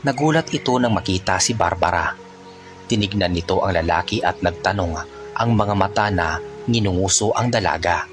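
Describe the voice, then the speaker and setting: Male storyteller, very deep voice, even pace, faint music bed. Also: normal speed. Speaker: narrator. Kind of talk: storytelling narration.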